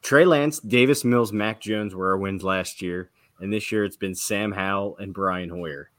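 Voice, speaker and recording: A man's voice: deep voice, a little slow, fairly bright tone. A man co-hosting a casual sports podcast, talking directly and quizzing the others. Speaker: podcast co-host.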